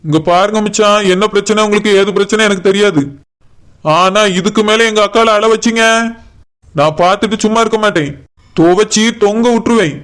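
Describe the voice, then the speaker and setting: Man as a fast-talking young cartoon villager with a Kanyakumari Tamil accent, scolding and threatening. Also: high voice, steady tone, fairly bright tone, clear, resonant tone. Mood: stern. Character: young man scolding his drunk brother-in-law, stern.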